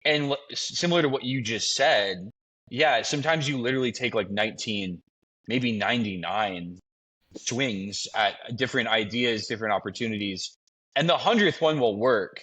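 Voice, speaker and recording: A man's voice: medium pitch, moderate pace, sharp tone, slightly rough, low-quality recording. A man in his thirties hosting a podcast, talking casually and enthusiastically with lots of "like" fillers. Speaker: podcast host.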